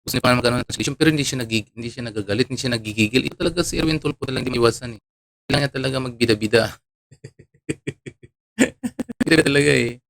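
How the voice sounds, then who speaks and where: With a mid-range voice, vocal fry, and a fairly bright tone, this man from Palawan in the Philippines talks quickly on a dry recording. As an online commentator, he chats casually with viewers, chuckling a lot and filling his speech with fillers.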